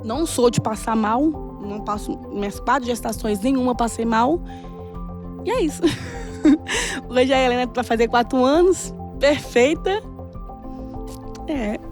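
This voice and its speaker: A middle-aged woman telling a personal testimony in a casual, animated way and acting out the dialogue. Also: fairly high pitch, a little slow, pauses often, over music. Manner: animated, laughing often, acts out dialogue. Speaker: church guest sharing a testimony.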